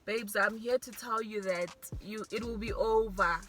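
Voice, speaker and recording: A woman's voice: medium pitch, fairly even intonation, a little slow, fairly bright tone. A young woman, chatting earnestly and encouragingly with a friend over food. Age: young adult. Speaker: co-host friend. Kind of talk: casual venting chat while eating.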